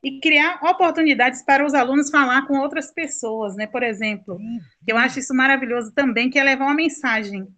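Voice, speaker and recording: A woman's voice: high-pitched, brisk, bright, forceful tone. A woman with a Brazilian Portuguese accent giving an online course presentation, explaining at length with many fillers and self-corrections. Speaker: lecturer.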